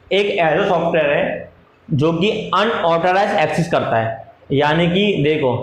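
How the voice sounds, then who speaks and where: A man teaching a class, dictating notes slowly, repeating phrases and answering his own questions in a lower voice. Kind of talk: classroom lecture. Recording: echoey room with faint noise.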